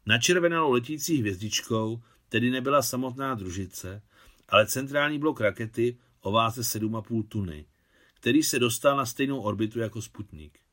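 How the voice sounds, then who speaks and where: A man, the translator of a novel, giving a measured, even reading of it aloud. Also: medium pitch. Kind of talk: literary audiobook reading.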